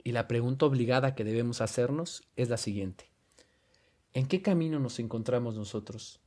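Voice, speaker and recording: A man's voice: medium pitch, dark tone. Earnest Mexican man preaching a sermon. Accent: Mexican Spanish. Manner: earnest, measured preaching with emphatic stresses. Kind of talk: sermon with scripture reading.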